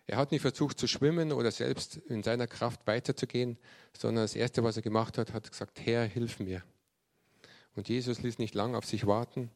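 A man preaches to a youth group, his voice carrying a gravelly edge at a middle pitch. He tells the scripture story with lively energy and acts out the quoted speech as he goes. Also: brisk. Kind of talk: sermon with Bible reading.

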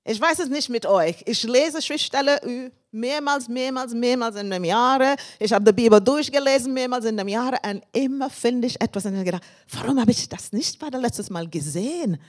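A woman in her fifties from England, with an English accent on her second language, preaching as a guest and sharing personal testimony with laughs and shouts of praise. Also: a little high, animated, moderate pace, hardly any pauses. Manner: warm and thankful, with frequent laughs and praise shouts.

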